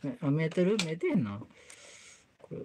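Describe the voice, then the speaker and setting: A woman's voice: low voice, very animated, normal speed, dark tone, a little hiss or hum. A woman with a Kansai accent and Kyoto dialect, chatting casually on a livestream while doing a repair and muttering to herself as she works. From Kansai, Japan. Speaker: livestream host.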